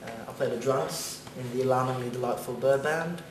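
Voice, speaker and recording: A young man playing a mild, halting drummer nicknamed the Chief in a mockumentary interview. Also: mid-range voice, lightly acted. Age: young adult. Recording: roomy, a bit distant, faint noise.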